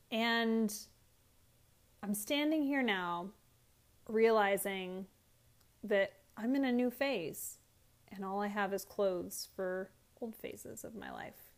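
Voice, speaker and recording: Wry, candid woman hosting a podcast. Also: mid-range voice. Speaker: podcast host. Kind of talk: casual solo podcast monologue. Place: home closet.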